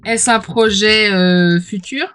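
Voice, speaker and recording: This woman's mid-range voice is smooth and fairly bright, moving slowly as she hosts an informal, enthusiastic tarot unboxing with music underneath. Feeling a little under the weather, she clears her throat and exclaims often.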